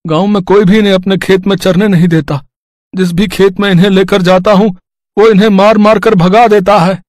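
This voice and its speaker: A man's voice: sits high, fairly even intonation, brisk, a little mellow, no echo, clean studio sound, lightly acted. A man voicing a poor, humble goat farmer who talks simply and earnestly in a cartoon story.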